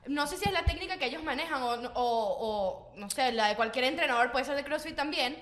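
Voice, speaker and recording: A woman, co-hosting a casual chat in an animated way. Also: high-pitched, brisk. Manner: animated, shouts out quotes. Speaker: co-host.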